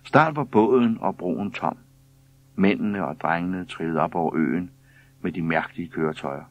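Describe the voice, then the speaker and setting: A man reading a children's story aloud in a calm, even storytelling manner. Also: low-pitched, no echo, dull audio. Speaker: narrator.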